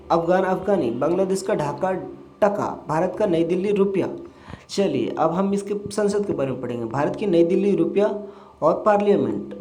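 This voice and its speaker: A male teacher reciting a quick revision list for a lesson, rattling items off one after another with fillers. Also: high voice, dark tone.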